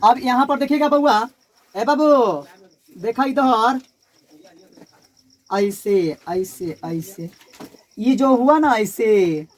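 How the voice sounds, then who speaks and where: A man's voice: very high voice, takes it slowly. Bihari-accented male teacher drilling terms. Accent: Bihari Hindi. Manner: repeats key terms and quizzes the class in call-and-response. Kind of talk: classroom physics lecture.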